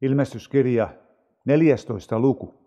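A man reading scripture aloud for an audio Bible in a measured, unhurried way. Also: medium pitch, mellow, long reverb tail, highs cut off.

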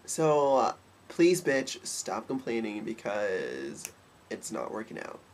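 Very animated and a little mellow, a young adult vlogger with a fairly low, stuffed, nasal voice talks to his desk webcam in his bedroom. His casual vlog is campy and cheeky, with quick asides.

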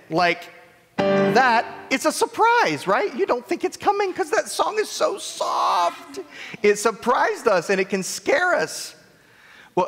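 High-voiced man giving a children's sermon. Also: fairly bright tone. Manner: playful, asks children many questions. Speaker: children's message leader. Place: church sanctuary. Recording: echoey church hall reverb.

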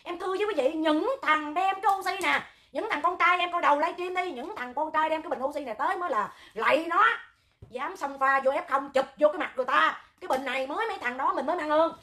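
A woman with a Southern Vietnamese accent hosting a livestream, talking loud, hot-tempered and animated, rambling with joking asides. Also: high-pitched, quick pace. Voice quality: loud, piercing voice. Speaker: livestream host, charity oxygen volunteer. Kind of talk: livestream talk to viewers.

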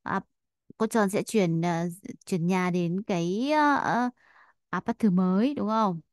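Woman language teacher walking students through a dialogue, chatty and repetitive, clear resonant tone. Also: mid-range voice, unhurried, no room sound, clean studio sound. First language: Vietnamese. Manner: chatty, many fillers, repeats Korean phrases. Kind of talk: explaining a listening exercise.

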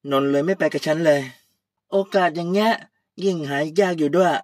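A woman voicing an arrogant young woman who has just become a boss, speaking loudly, haughtily and with a scolding edge in a one-voice audio drama. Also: fairly low pitch, a little fast, no echo, studio quality, lightly acted. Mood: pushy.

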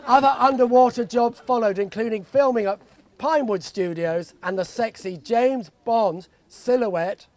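A man in his sixties delivers a father of the bride speech at a wedding. His voice sits unusually high for a man. He tells jokey stories, reading from notes into a handheld mic. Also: a little slow. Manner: jokey storytelling. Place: outdoor garden wedding reception. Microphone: handheld microphone held close.

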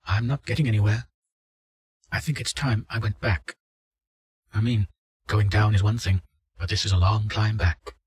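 A man's voice: on the low side, steady tone, moderate pace, husky, pitched above the performer's own voice. A man voicing a terrified young woman test subject who pleads and panics. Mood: uneasy, scared.

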